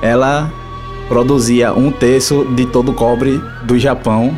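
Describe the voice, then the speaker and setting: A man with a Brazilian accent hosting a casual talk show, informal and halting, repeating his words. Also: mid-range voice, steady tone. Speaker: radio show host. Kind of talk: casual hosted talk about travel places. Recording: music playing behind the voice. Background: instrumental music.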